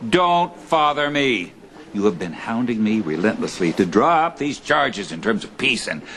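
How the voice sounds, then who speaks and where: A gruff elderly patriarch. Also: male voice, fairly low pitch, drawn-out words, a bit bright, slight background noise. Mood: irritated. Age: older. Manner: curt, testy. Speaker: family patriarch. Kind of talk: soap opera acting.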